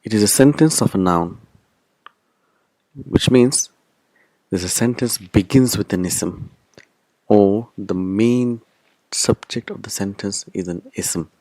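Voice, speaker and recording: A man teaches a recorded lesson in a fairly low voice. He explains each point step by step and comes back to the key terms again and again. The sound is close and dry, with no room echo. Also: slow pace, pauses often, darkish tone. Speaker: Arabic teacher.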